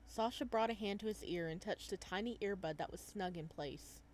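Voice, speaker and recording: A woman hosts a gaming video, chatting casually and reading game text aloud, swinging between calm narration and excitable, playful reactions. Her voice is medium-pitched at a normal speed, with slight background noise.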